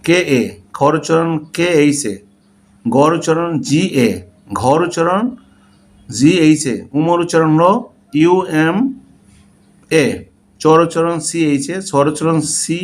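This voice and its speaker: Higher-pitched man dictating a lesson. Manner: slow, deliberate letter-by-letter dictation. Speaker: English teacher. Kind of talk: spoken language lesson.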